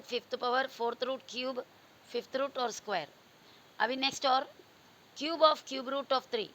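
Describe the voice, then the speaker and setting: Patient higher-voiced woman teaching maths. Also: a bit bright, a little hiss or hum, poor audio. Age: adult. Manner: patient, repetitive explaining, mixing English number words into Hindi. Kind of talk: classroom-style maths lesson.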